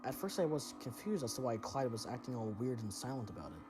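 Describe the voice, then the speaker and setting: A man's voice: mid-range voice, very animated, fast, music in the background. A man narrating a first-person horror story in a tense, dramatic way.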